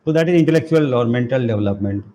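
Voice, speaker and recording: A man's voice: medium pitch, expressive, rapid-fire, warm tone, low-quality recording. A man leading an online spiritual class, talking loosely and rambling with many "you know" fillers over a video call. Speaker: spiritual teacher. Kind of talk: casual online class talk.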